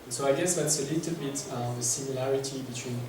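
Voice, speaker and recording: This is a fast talker with a mid-range voice: a French-accented man leading a workshop session in English, halting and full of fillers, throwing questions out to the room. The sound is echoey and noisy, picked up far away in a large conference room.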